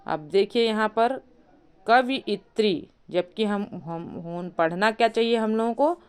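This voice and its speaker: A woman teaching a spelling lesson, slowly and deliberately breaking words into their parts and asking questions as she goes. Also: mid-range voice, darkish tone, smooth.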